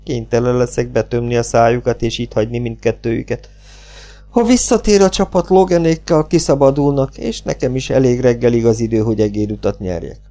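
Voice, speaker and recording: A man voicing a calm, unbothered young Mexican male outlaw in an audiobook, with a gravelly voice. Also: mid-range voice, faint music behind, close to an everyday voice. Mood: calm, flat.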